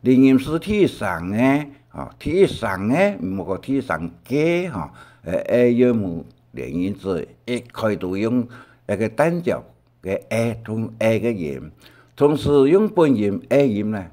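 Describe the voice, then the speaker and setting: An older man with a Taiwanese Hakka accent talks through a recorded language lesson. His voice sits fairly low, but his pitch rises and falls in lively swings. He often stops and restarts as he explains. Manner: halting, with many pauses and restarts.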